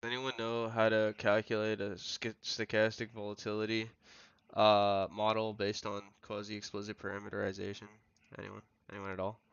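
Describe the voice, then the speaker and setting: Low gravelly man, mumbling on a dull mic. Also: completely flat delivery, moderate pace, fairly bright tone. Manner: mumbling, talks low and trails off. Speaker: trader streaming his screen. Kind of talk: casual livestream chat. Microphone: old desk mic that cuts out.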